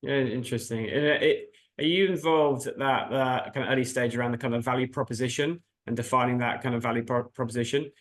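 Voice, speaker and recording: Man, mid-range pitch, interview host, casual delivery, hesitant loose phrasing. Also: fairly even intonation, quick pace, hardly any pauses.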